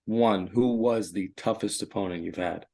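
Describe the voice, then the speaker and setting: A male co-host with a low, gravelly voice. He asks casual interview questions on a podcast and answers the guest with short, upbeat reactions. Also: moderate pace, warm tone.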